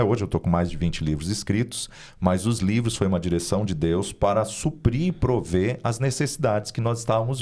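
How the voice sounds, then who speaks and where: A man's voice: lowish voice, warm tone. A male pastor, a guest in an interview, telling a testimony in an earnest, narrative way with frequent tag questions. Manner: earnest, narrative, with many "né?" tags.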